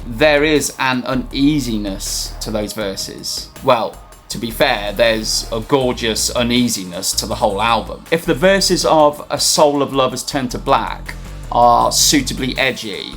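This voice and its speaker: A man reads a scripted album review for his vlog in a voice of middling pitch, keen and a little wry as he goes. His manner stays conversational, and faint music plays softly behind him. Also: a little slow.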